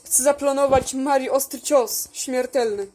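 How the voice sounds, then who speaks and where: A woman's voice: high voice, fairly even intonation, a little slow, darkish tone. A woman voicing a scheming, threatening male pet toy in a homemade toy figure role-play. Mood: menacing. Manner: menacing, boastful.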